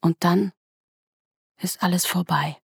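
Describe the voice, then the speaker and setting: Hushed, gravelly female audiobook narrator. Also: lowish voice, fairly even intonation, slow pace, dry recording, studio quality. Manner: hushed, tense, dropping at times to a whisper. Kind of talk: first-person literary narration.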